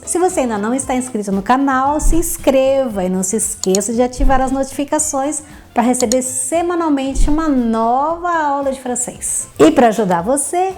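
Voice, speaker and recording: A woman teaching an online French lesson, upbeat, repeating each word slowly and clearly. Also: on the high side, warm tone.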